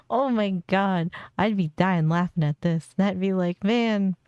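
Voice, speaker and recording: A woman's voice: medium pitch, darkish tone, smooth, no echo, lo-fi sound. A woman chatting casually and reacting as a streamer, with a slangy, mocking, foul-mouthed manner.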